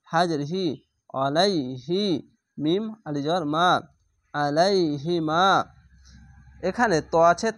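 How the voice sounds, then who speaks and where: A man's voice: on the high side, no room sound. A man teaching Quran reading, spelling out each letter and vowel mark and then blending the syllables, with patient explanations between drills. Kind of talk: slow spelled-out recitation lesson.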